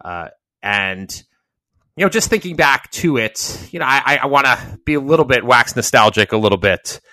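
An American man in middle age delivers an informal solo commentary in a bright, forward voice. He wanders reflectively from point to point, leaning on repeated phrases for emphasis. The sound is dry, with hardly any room to it. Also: mid-range voice, expressive, moderate pace, no room sound. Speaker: host.

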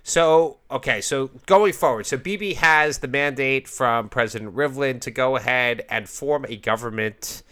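A man's voice: medium pitch, moderate pace, few pauses, sharp tone, clean tone. A man hosting a political talk show, speaking conversationally in a wordy, emphatic way with rhetorical repeats. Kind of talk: conversational broadcast interview about politics.

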